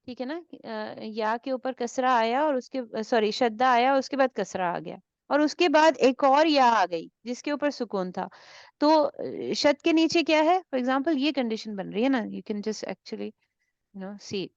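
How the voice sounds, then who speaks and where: A woman's voice: on the high side, animated, vocal fry, dry recording. Woman teaching tajweed, dry dull audio. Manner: checks understanding with frequent tag questions. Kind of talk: online class, mixing Urdu and English. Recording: dull lo-fi sound.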